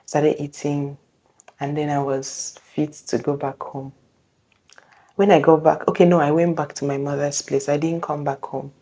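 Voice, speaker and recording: A young woman vlogger shares a personal testimony to the camera in a low, mellow voice with little pitch movement. Her casual storytelling is earnest and halting, with frequent pauses and self-corrections along the way.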